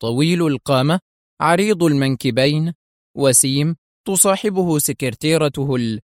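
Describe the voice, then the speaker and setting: A man's voice: on the high side, normal speed, no room sound, studio quality, pitched above the performer's own voice, close to an everyday voice. A man voicing a nervous male spy agent who stammers and hesitates. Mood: eager.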